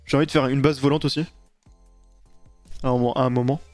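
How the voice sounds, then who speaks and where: A man's voice: mid-range voice, fairly even intonation, fast talker, dry recording, faint music behind. Chatty man streaming a game. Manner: chatty, rambling, answers chat questions. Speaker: gaming streamer. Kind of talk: casual gameplay chat.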